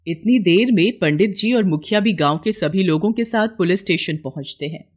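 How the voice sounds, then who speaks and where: A woman narrating a devotional cartoon story in an even storytelling manner. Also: fairly low pitch, moderate pace, slightly rough, dull audio. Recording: noisy background hiss.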